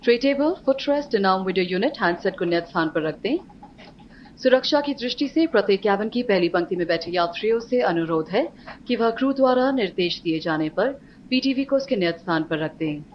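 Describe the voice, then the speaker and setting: A woman with an Indian accent making a formal cabin crew announcement over an aircraft public-address loudspeaker. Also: mid-range voice, expressive, very fast. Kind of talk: scripted in-flight announcement. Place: aircraft cabin in a flight simulator. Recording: muffled distant PA with faint noise.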